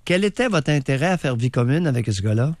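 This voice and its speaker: A man's voice: medium pitch, lively intonation, fast, dry recording. A male radio host with a Québécois French accent, bluntly and sarcastically probing a caller. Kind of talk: call-in radio show.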